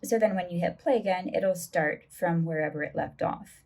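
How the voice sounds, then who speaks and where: A woman with a slightly low voice talks through an app tutorial. She explains each step in a relaxed, chatty way and drops in easy fillers as she goes. She sounds like she is recording a friendly how-to at her own pace. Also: moderate pace. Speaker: tutorial host. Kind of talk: casual screen tutorial.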